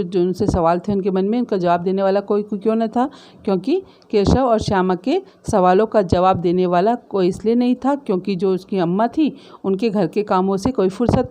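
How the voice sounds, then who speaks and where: Mellow-voiced woman teacher retelling a story. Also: medium pitch. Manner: retells and re-explains each line, often adds tag questions. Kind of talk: explaining a story in a school lesson.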